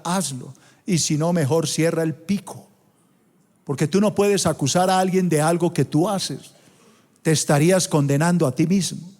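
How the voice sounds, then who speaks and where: A high-voiced man with a Colombian accent preaches a sermon to his congregation. He drawls out the scripture quotes for emphasis. His voice rings with the long reverb of a big church auditorium. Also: darkish tone. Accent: Colombian Spanish. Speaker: pastor.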